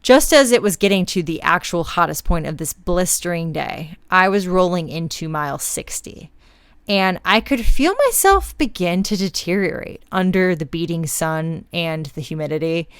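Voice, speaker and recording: A woman's voice: lowish voice, animated, moderate pace, clean tone, no room sound. A young woman hosting a podcast, telling a personal story in a casual, chatty way with plenty of "like"s. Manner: casual and chatty, many fillers like "like". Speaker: podcast host.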